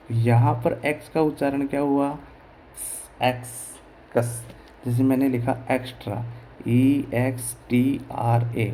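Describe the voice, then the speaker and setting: A man with a dark, mid-range voice teaches English pronunciation in a slow classroom explanation in Hindi, spelling words letter by letter and answering his own questions. The audio is poor, with slight background noise.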